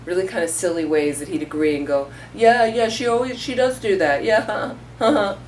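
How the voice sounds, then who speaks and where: Speaking briskly in a mid-range voice, a middle-aged Buddhist teacher offers an informal talk full of conversational stories and acted-out quotes. The recording comes from a distant mic with faint room noise.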